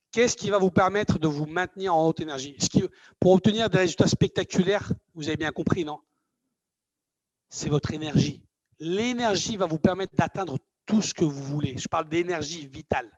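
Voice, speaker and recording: A man's voice: fairly high pitch, no room sound, muffled recording. A man giving a live motivational talk to an audience, emphatic and repetitive, with many fillers. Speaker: motivational speaker.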